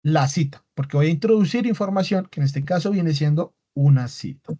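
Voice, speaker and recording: A man's voice: fairly high pitch, brisk, dark tone. Lecturing man with frequent check-in questions. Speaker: teacher. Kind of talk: recorded online class lecture. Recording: dull lo-fi class recording.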